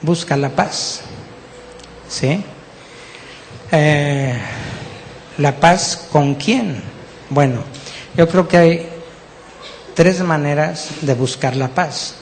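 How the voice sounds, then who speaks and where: A man's voice: mid-range voice, big-room sound, slight background noise. A Mexican man preaching a sermon to his congregation, teaching patiently and often checking that his listeners follow along. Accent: Mexican Spanish. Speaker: pastor. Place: church hall.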